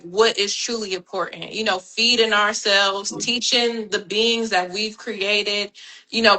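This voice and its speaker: A woman in her thirties, a doula and homeschooling mother, telling her story as a guest in a relaxed way with frequent fillers. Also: medium pitch, low-quality recording. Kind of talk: personal story on a live panel.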